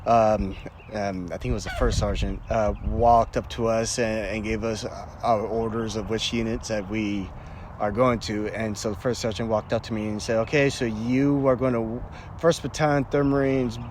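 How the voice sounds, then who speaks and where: A man's voice: lowish voice, flat delivery, moderate pace, darkish tone, a little hiss or hum. A young man, a Marine veteran, telling his stories casually in an interview, laughing often and stumbling through fillers and restarts. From Canada. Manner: laughs often, many fillers and restarts, acts out quoted voices.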